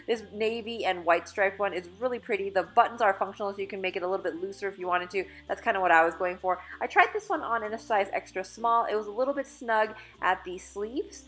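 Speaking fast and barely pausing, a woman in her thirties narrates a clothing try-on haul from a store dressing room, recording via her phone in the mirror. She's a fashion vlogger with a mid-range, fairly bright voice, casual and upbeat, peppered with fillers and self-corrections.

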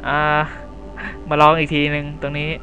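A young man giving crude, jokey commentary over a horror game, swearing loudly at scares and joking to his viewers. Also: fairly high pitch, completely flat delivery, normal speed, poor audio. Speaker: gameplay commentator. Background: game music.

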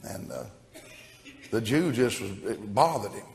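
A middle-aged man preaches from a pulpit, telling a comic story in a folksy, animated way. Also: on the low side, unhurried, creaky. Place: large church auditorium, at a pulpit. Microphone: gooseneck podium microphone. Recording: echoey hall with background noise.

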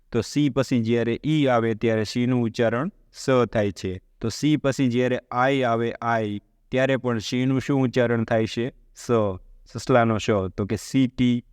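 A man with a Gujarati accent giving a spoken English lesson. His voice is smooth and resonant at a middle pitch, and the recording is close and dry. He explains patiently, one step at a time, and keeps asking his listeners questions. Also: a little mellow, no room sound. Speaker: English teacher.

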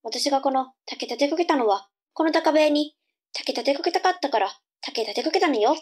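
Woman acting a high, cute anime-style cheeky girl. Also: expressive, normal speed. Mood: pert. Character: cheeky young girl, sassy little sister and daughter. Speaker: voice actor in a tongue-twister audio drama. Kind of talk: tongue-twister audio drama acting.

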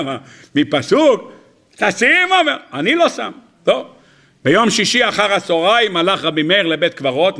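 A man's voice: sits high, bright, forceful tone. A man, a rabbi, giving a sermon that retells a comic story, acting out the dialogue and laughing at his own jokes.

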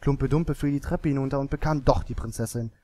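A man's voice: mid-range voice, a little fast, dry recording. Man reading a fairy tale aloud. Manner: expressive storybook reading. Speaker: narrator.

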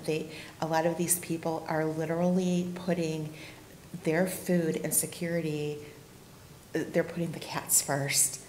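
A woman's voice: on the low side, darkish tone. A woman in her forties from a cat rescue group, speaking earnestly to a city council and often restarting her sentences. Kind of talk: public comment at a council meeting. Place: council chamber. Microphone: desk microphone, camera at a distance. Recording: echoey council chamber, faint hum.

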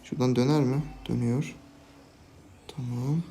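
A young man giving casual, jokey live commentary on his own game, swinging from quiet planning to loud, laughing outbursts. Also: mid-range voice, normal speed, a little hiss or hum. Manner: excitable, jokey, shouts and laughs at big plays. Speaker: gaming YouTuber.

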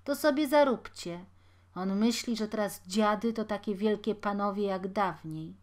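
A woman's voice: mid-range voice, a little slow, natural voice. A woman voicing a grumpy, stingy old male beggar who mutters and grumbles. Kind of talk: audiobook character voice.

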